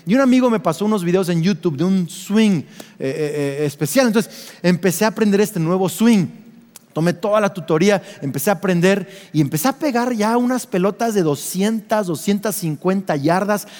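A middle-aged man with a Mexican accent, a pastor preaching a sermon and telling a personal story in an animated way, acting out scenes and questioning his listeners. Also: high voice, normal speed, long reverb tail.

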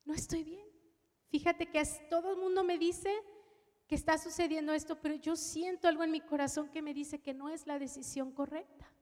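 A woman preaching a personal testimony, telling her story with strong emotion and dropping to a hush at tender moments. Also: sits high, steady tone, fairly quick, long reverb tail. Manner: emotional storytelling, shifts from loud to hushed. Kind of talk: testimony sermon.

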